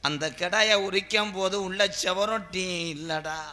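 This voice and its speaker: A man's voice: sits high, measured pace, over music. A man who is a stage comedian, telling a story in short punchy beats and calling out to his partner in live banter.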